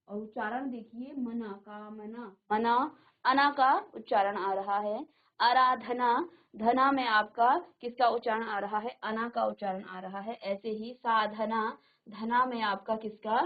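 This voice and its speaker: Slow, patient woman teaching a class. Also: a little high, narrow, tinny audio. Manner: slow, repeats each word and asks the class. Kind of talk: classroom lesson. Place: virtual classroom studio.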